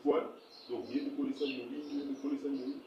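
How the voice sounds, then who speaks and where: A man giving a spoken language lesson, explaining slowly with many fillers, stammered repeats and checks of whether his listeners understand. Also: mid-range voice, level tone, muffled recording. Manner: explains slowly, asks "vous comprenez?". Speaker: language teacher. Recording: echoey, distant, noisy room.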